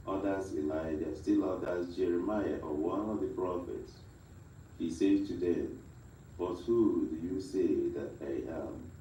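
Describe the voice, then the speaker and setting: A man leading mass as a priest, chanting and reading the gospel with a slow, solemn delivery, heard with a cathedral echo from a distant mic. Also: deep voice, warm tone, a little hiss or hum. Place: large reverberant church.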